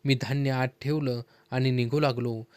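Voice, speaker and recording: Calm male storyteller, dry close sound. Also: medium pitch, normal speed, dry recording. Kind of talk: scripted first-person story narration.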